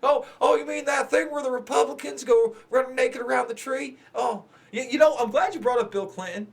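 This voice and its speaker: A man's voice: very high-pitched, fairly quick, creaky, slightly rough. A man co-hosting a casual live-stream chat, joking and teasing his partner and laughing often. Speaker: co-host.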